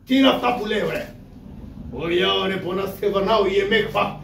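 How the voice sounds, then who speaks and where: A man's voice: high voice, a bit bright, slight background noise. A man voicing a fierce guard captain in shadow puppet theatre who bellows nonsense cries. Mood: menacing. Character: fierce armed guard captain, gibberish-shouting brute. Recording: echoey distant stage mic, faint ambience.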